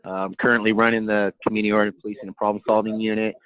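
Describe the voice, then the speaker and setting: A man, a police officer, introducing himself quickly and matter-of-factly on a call. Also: fairly low pitch, flat delivery, clear, resonant tone, dry recording. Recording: tinny dry phone line.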